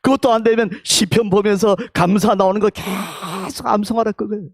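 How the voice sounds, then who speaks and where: A male pastor with a Gyeongsang accent preaching a Sunday sermon in a church, with emphatic calls that drop to hushed whispers, leading the congregation to repeat his words. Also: sits high, fairly even intonation, normal speed, no echo, clean studio sound. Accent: Gyeongsang Korean. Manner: leads the congregation in call-and-response. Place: church sanctuary.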